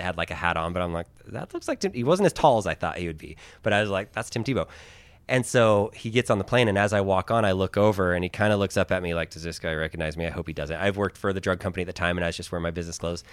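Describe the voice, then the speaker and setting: A man hosting a casual interview, telling stories with lively acted-out quotes. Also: deep voice, fast, clean tone, no room sound. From Philippines. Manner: animated storyteller, acts out quotes. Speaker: host.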